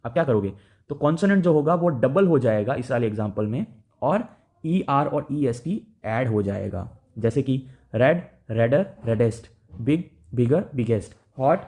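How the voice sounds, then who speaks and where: A man's voice: medium pitch, dark tone. A man with an Indian accent teaching an English grammar lesson in Hindi, explaining rules step by step and often checking in with "right?".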